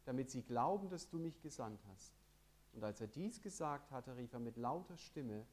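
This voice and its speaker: A man preaching a sermon with lively emphasis, reading scripture passages aloud. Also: medium pitch, moderate pace.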